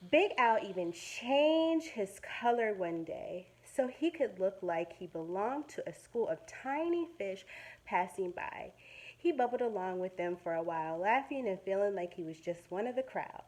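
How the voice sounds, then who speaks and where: A woman teacher brings a children's story to life with expressive, dramatic reading in a medium-pitched voice, pausing to simplify words for young children. The audio is rough.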